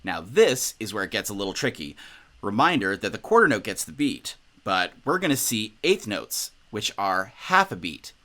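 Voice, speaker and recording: A man's voice: moderate pace, background noise. A young man teaching a music lesson in an upbeat, instructional way. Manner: upbeat, instructional, lively pitch. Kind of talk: music tutorial.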